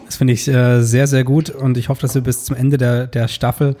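A man's voice: mid-range voice, little pitch movement, normal speed, mellow. A young man co-hosting a podcast in casual, conversational chat. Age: young adult. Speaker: podcast co-host.

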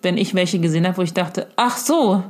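A middle-aged mother talks straight into her phone in a casual video message to her grown daughter. She rambles effusively, leaping up into high excited bursts and then dropping into low, confiding asides. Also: fast. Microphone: handheld phone.

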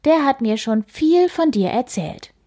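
A woman voicing a friendly, jovial male bus driver in a storybook, with a breathy voice. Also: high-pitched, sing-song, measured pace, warm tone, voice pushed up, full character voice.

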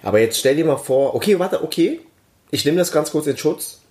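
A man's voice: fairly high pitch, expressive, brisk, a little mellow. A man, co-hosting a podcast in casual chat, joking and restarting his sentences. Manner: joking, talks in fits and restarts. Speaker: podcast co-host.

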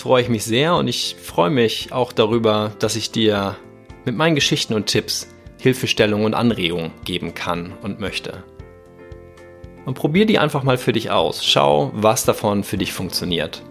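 A man's voice: fairly low pitch, creaky. A man hosting a motivational self-help podcast, talking earnestly and directly to the listener. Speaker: podcast host.

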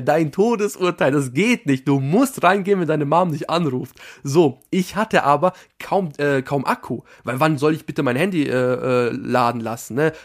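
A young man telling an anecdote casually to his viewers, animated and often restarting his sentences. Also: fairly high pitch. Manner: lively, animated storytelling, often breaking off to restart. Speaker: vlogger telling a story. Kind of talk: casual storytelling to camera.

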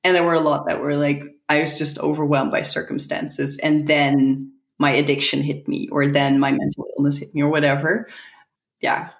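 A woman's voice: low-pitched, flat delivery, moderate pace, vocal fry. A woman answering interview questions thoughtfully, often repeating a word as she gathers her thoughts. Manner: thoughtful, repeats words as she thinks, laughs lightly. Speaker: guest. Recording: echoey room.

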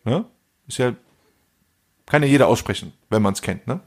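A husky-voiced man in his forties, chatting on a podcast. He tells a story in rough street slang and keeps jumping into the voices of the people in it. His voice sits at an ordinary middle pitch. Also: moderate pace. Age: 40s. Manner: street slang, animated anecdote with acted quotes. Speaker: podcast co-host. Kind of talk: casual storytelling chat.

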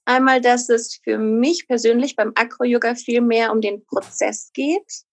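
A woman answers interview questions in a calm, articulate way and lays out her points in order. Her voice sits slightly high. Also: unhurried. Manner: calm, articulate, structured explanations. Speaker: guest, acro yoga teacher.

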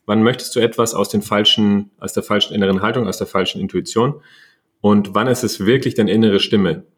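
A man co-hosting a casual coaching chat, talking in animated bursts and listing things in quick runs. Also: lowish voice. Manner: German. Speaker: podcast co-host.

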